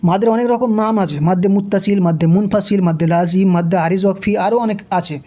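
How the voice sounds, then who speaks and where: A Quran reading teacher talks through a recitation lesson in a mellow, soft-edged voice at a mid pitch. Letters and vowel marks are spelled out slowly and each rule is repeated patiently. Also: fairly even intonation.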